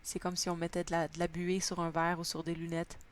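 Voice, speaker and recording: A woman's voice: fairly low pitch, monotone, fairly quick, a little hiss or hum. A woman teaching a language lesson, patiently spelling out sounds word by word. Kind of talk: slow spoken lesson.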